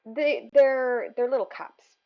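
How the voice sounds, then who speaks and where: Slow-talking woman chatting while cooking. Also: on the high side, fairly even intonation, gravelly, highs cut off. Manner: chatty, answers viewer messages, giggly. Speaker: cooking livestream host. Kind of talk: casual chat with viewers while cooking.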